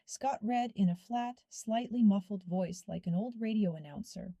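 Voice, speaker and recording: A woman narrating a first-person story in a measured, hushed storytelling manner. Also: medium pitch, no room sound.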